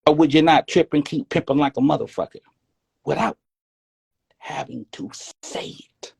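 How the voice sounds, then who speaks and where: A man's voice: fairly high pitch, moderate pace, vocal fry, darkish tone, husky, no room sound. A man giving a rambling, preachy casual monologue, now and then dropping to a whisper.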